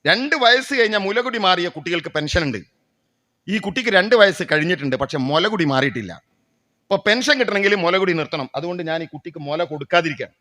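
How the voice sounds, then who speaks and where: A man's voice: sits high, expressive, brisk, pushed and bright, voice pushed down. A man voicing a poor young mother who explains her hungry child in a story told within a speech. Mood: complaining.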